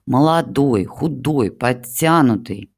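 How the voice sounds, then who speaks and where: A reader gives a heavily acted performance as a melodramatic older mother in an audiobook, slow and gravelly in a mid-range, slightly rough voice. She plays the pitiful old woman and gushes theatrically over her son-in-law.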